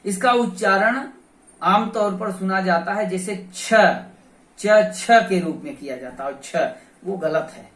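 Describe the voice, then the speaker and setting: A grammar teacher takes the lesson at a slow, deliberate pace. Each sound is sounded out and repeated so learners can follow it. The voice comes from a distance and carries a roomy echo. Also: medium pitch, fairly bright tone. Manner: methodical, repeats each sound aloud to demonstrate. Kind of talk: explaining pronunciation in a lesson.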